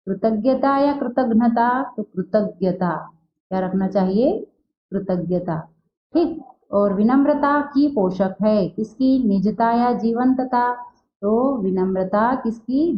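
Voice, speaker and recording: A woman teaching a Hindi class, who asks a question and answers it herself, and slowly repeats words to show how they are said. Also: mid-range voice. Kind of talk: recorded class lesson. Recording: dull lo-fi sound in an echoey room.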